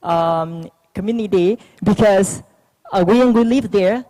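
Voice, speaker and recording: Poor audio carries a dark, medium-pitched voice belonging to a young Vietnamese-accented adult on a youth panel. The prepared speech comes out haltingly, broken by fillers and repeated restarts.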